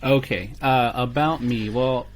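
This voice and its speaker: A man's voice: mid-range voice, unhurried, faint music behind. A laid-back man from Los Angeles speaks in a mid-range voice. He chats easily as a podcast guest, laughing often and dropping "man" and "dude". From Los Angeles, California. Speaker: podcast guest, music producer. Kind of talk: casual podcast interview.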